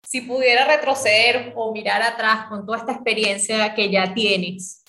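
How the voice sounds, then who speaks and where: A woman interviewer poses long, winding questions and thanks her guest with effusive praise. Her voice is bright and slightly high-pitched, heard in an echoey room. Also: fairly even intonation, normal speed.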